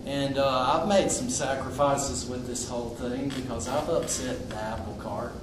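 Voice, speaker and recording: A man addresses a public meeting off the cuff, loud and blunt, often restarting his sentences. His voice is medium-pitched with fairly even intonation and a moderate pace, recorded from far away in a noisy, echoing room.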